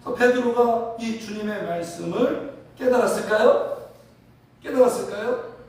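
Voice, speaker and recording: High-voiced pastor in an echoey church. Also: male voice, moderate pace. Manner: animated, rhetorical questions to the congregation. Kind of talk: sermon. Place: church sanctuary. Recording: very echoey hall from a distance.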